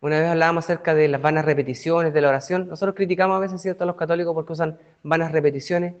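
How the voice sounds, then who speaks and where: A man's voice: fairly high pitch, steady tone, rapid-fire, lo-fi sound. A man, a pastor teaching a Bible study in a conversational way, often asking his listeners rhetorical questions.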